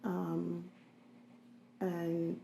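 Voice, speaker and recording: A middle-aged registered nurse recalls her childhood in a reflective interview, speaking haltingly with many pauses, ums and restarts. She grew up in a US city in a Haitian immigrant family, and Haitian Creole is her first language. Her voice is fairly low, gravelly and dark in tone, delivered completely flat, with slight background noise.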